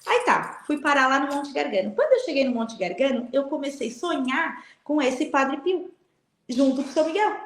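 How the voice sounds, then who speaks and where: Woman, middle-aged guest, animated storyteller who acts out voices; lightly high voice, roomy sound. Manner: animated storyteller, acting out dialogue. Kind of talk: spiritual testimony in a live chat. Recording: echoey room.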